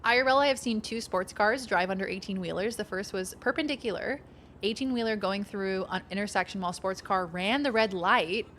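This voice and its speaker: A woman livestreaming a video game, chatting casually with playful, expressive, giggly commentary. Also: medium pitch, brisk, a little hiss or hum.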